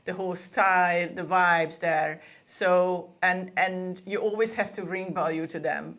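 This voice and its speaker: A woman speaks in a fairly low voice. She talks in a chatty, easygoing way, often restarting her phrases. She sounds like a guest on a remote interview. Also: fairly bright tone. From Hungary. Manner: chatty, with frequent laughs and restarts. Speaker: podcast booking agency co-owner, guest. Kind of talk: casual interview conversation.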